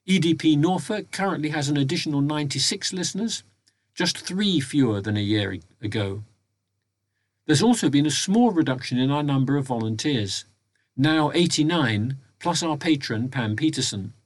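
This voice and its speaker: A man reads a prepared report in a measured, formal way, recording at home inside a wardrobe. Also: on the high side, animated. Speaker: volunteer reporting to members of a local talking newspaper. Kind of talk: prepared spoken annual report, read aloud. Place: home recording inside a wardrobe, close and muffled by soft surroundings.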